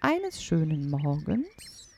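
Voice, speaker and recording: A woman's voice: low-pitched, takes it slowly. A woman telling a fairy tale aloud to children, speaking to them directly. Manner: animated, addressing listeners directly. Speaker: storyteller.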